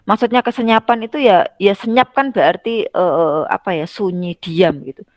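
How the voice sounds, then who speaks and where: A woman's voice: medium pitch, normal speed, no echo. A middle-aged woman lecturing on teaching skills in a conversational way, acting out classroom examples with changing intonation. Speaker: university lecturer.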